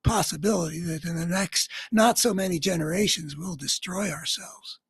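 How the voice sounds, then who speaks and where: A man with a somewhat husky, slightly breathy voice talks through a political commentary monologue as a radio host. He sounds earnest and searching, working his thoughts out aloud in long, winding sentences. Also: high voice, moderate pace.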